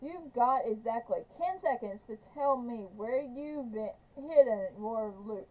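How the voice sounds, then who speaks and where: A woman's voice: fairly high pitch, lively intonation, a little slow, mellow, low-quality recording. A woman reading the lines of a menacing, desperate man with a rifle, in a barking, threatening way. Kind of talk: amateur audiobook reading.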